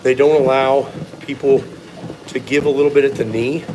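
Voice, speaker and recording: A man's voice: mid-range voice, steady tone, normal speed, background noise. A man giving blunt, opinionated, sometimes profane answers in a casual live question-and-answer chat as a strength coach.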